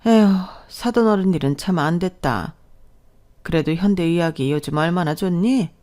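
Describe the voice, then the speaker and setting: 여성이 연기하는 나이 든 시어머니가 며느리를 천천히 다독이며 말합니다. 아들 자랑이 묻어나는 푸근하고 느긋한 말투입니다. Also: female voice, lowish voice, normal speed, a little mellow, close to an everyday voice. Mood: comforting. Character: older mother-in-law, warm and doting.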